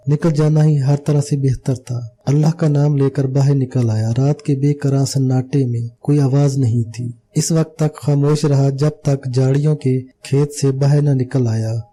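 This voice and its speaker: A man's voice: mid-range voice, warm tone. A man reading a novel aloud as an audiobook narrator, telling the story steadily and voicing every character himself.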